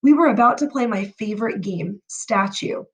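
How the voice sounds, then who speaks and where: A woman reading a children's chapter book aloud, telling it gently and expressively. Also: mid-range voice, normal speed, far from the mic.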